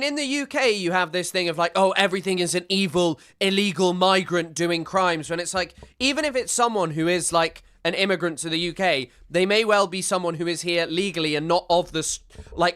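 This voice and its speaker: His voice sits high with a clean, fairly bright tone. He's reacting to a clip with rambling, sarcastic remarks in a casual commentary style, often breaking off to restart a sentence.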